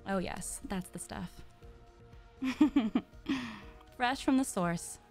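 A woman's voice: mid-range voice, unhurried, soft background music. A woman streaming in character as a demon monarch, talking in a playful, teasing, giggly way.

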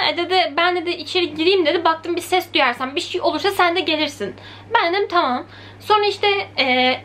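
A young woman vlogger talks straight to her camera in a bright, high register. She tells the story in a chatty, animated way and acts out the quoted lines. Faint room ambience sits under her voice. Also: a little hiss or hum. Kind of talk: casual storytelling vlog. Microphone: camera mic.

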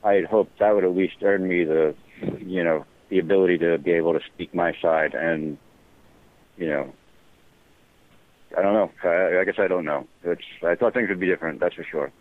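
A man with a very low voice talks over a tinny phone line. He speaks haltingly and defensively, leaning on fillers as he explains himself. He is the call-in guest of a live interview. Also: fairly even intonation, no room sound.

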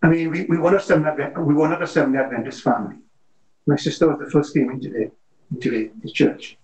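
A man's voice: on the high side, fairly even intonation, fast, darkish tone, lo-fi sound. A man telling an earnest story in a church Bible study discussion, often repeating words, recorded by a far camera in a meeting room. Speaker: class member.

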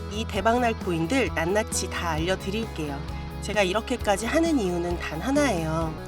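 Female video host, medium pitch, earnest persuasive scripted promo read, music bed clearly present. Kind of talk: scripted promotional narration addressed to viewers. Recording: voice over prominent background music.

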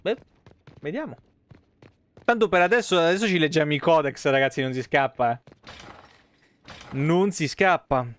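Speaking at normal speed with frequent pauses, a man with a voice on the high side live streams casually, using slangy, foul-mouthed talk and reading game lore aloud. Soft tavern guitar music plays behind him.

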